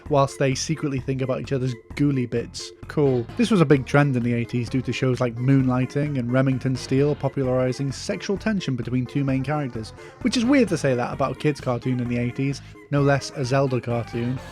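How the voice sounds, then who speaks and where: A man's voice: mid-range voice, fairly quick, darkish tone, faint music behind. A man narrating a comedic cartoon retrospective, sarcastic and mocking. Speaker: video reviewer.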